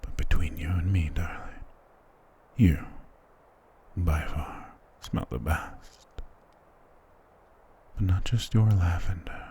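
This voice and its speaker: Slow and mellow, with long pauses, a low-pitched man voices a doting, dominant vampire lord in an intimate ASMR roleplay. He speaks tenderly and possessively, using formal endearments, and the mood is seductive. Slight background noise is present.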